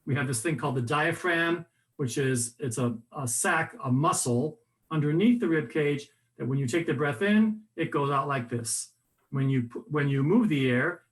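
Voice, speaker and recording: A man with a voice pitched a little high leads a workshop on how the voice works. He talks in a loose, conversational way, full of restarts and little asides, and explains things with energy. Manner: conversational, animated, with frequent restarts and fillers. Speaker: voice coach presenting a workshop. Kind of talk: instructive workshop talk.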